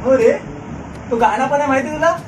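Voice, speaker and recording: A man's voice: very high voice, a little fast, noisy background. A man acting as a gossipy neighbour in a comedy short film, chiming in to agree and tease. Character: gossipy male neighbour sidekick. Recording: distant mic with music behind.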